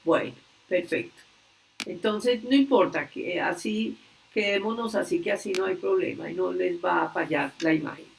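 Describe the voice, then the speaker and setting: A woman leading a religious workshop, earnestly retelling a story slowly and with frequent hesitations over a video call. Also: on the low side, gravelly, slight background noise. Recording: distant video-call audio.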